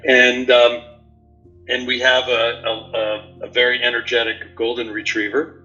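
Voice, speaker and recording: A man in his seventies from New York City, a guest answering interview questions in an unhurried, rambling way with many fillers. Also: medium pitch, completely flat delivery, bright, forceful tone, highs cut off, soft background music. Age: 70s. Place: remote call from a beach house.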